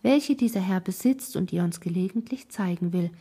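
A woman voicing a courteous young baron in an audiobook, with a mellow, breathy voice. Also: lowish voice, brisk. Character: polite young male baron, art lover.

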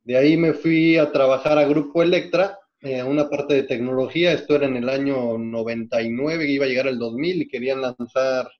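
Methodical Mexican man, muffled audio. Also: medium pitch. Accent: Mexican Spanish. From Mexico City. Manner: steady, methodical storytelling with frequent restarts. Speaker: guest, hospital executive. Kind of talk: podcast interview, recounting career.

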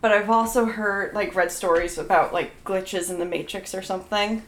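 A woman's voice: medium pitch, fairly even intonation, normal speed. A young adult woman, a podcast guest, earnestly telling stories in casual chat with many fillers. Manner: earnest, filler-heavy storytelling.

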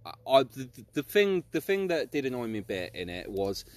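A British man talks football as a podcast co-host. His delivery is casual and blokey, opinionated, with words doubled up as he builds his point. His pitch sits in an ordinary middle range. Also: sing-song, brisk.

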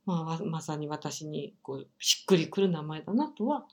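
Gentle reflective woman, lively pitch. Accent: standard Japanese with some Kansai. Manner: gentle, reflective, many filler pauses. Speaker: podcast guest, workshop teacher. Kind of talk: casual interview chat.

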